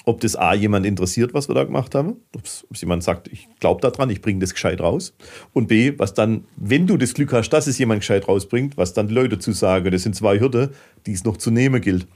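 A podcast guest from southern Germany talks casually and fairly quickly in a fairly low voice with a Swabian accent. He's fidgety and animated, telling stories in dialect.

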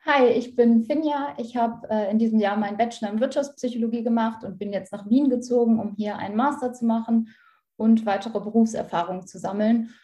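Young woman student, 20s, warm mellow tone, brief upbeat panelist. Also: on the high side, a little fast. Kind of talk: online launch event presentation.

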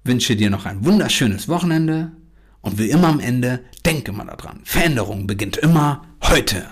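A man's voice: medium pitch, animated, moderate pace, slightly rough. A man hosting a podcast, giving an earnest motivational monologue and repeating self-affirmations. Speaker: podcast host.

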